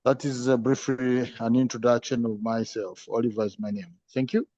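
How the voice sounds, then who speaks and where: A man in his fifties speaks in a formal, unhurried way, often pausing on uh. His voice sits in an ordinary middle pitch. The call audio sounds dull and muffled but dry. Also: level tone, dark tone, no room sound. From Zambia. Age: 50s. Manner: measured, formal, pauses with many uhs. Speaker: student introducing himself. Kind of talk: online class introduction.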